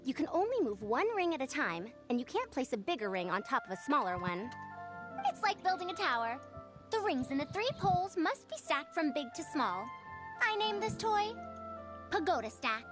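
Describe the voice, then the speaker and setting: A woman's voice: sits high, sing-song, moderate pace, over music. A woman playing a confident, teacherly young female scholar in an anime-style game. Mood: instructive, confident. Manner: teacherly, assured.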